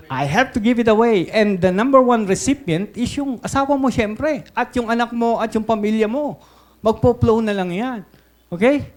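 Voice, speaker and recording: A man's voice: sits high, a little mellow. A Filipino man preaching a sermon as pastor, telling stories with animation, switching between English and Tagalog and often checking in with "Okay?".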